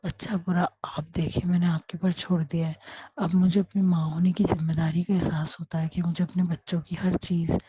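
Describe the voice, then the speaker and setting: A woman's voice: on the low side, little pitch movement, fairly quick, dark tone, breathy edge, dry recording, rough recording. A middle-aged woman speaking a personal prayer, earnest and pleading as she asks for guidance for her children. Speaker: devotee praying aloud.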